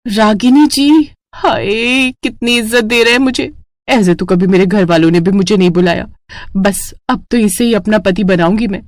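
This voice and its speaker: A woman's voice: mid-range voice, fairly quick, dry recording, studio quality, close to an everyday voice. A woman voicing a cheeky, overworked young daughter-in-law who makes sarcastic comebacks. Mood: eager.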